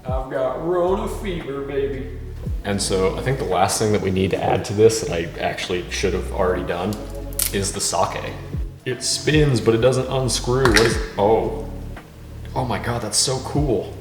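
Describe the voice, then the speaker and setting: Giggly drunk man, low-voiced, in a reverberant room. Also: fairly even intonation, normal speed. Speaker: host of a drunk cooking video. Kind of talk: casual cooking vlog chat. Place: indoors in a kitchen. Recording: reverberant room, music behind.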